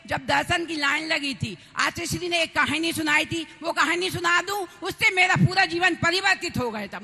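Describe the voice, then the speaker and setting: A woman in her fifties from Madhya Pradesh, giving an impassioned devotional tribute as a religious sister, often shouting her exhortations. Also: extremely high pitch. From Madhya Pradesh, India. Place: large hall at a religious gathering. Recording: echoey hall reverb.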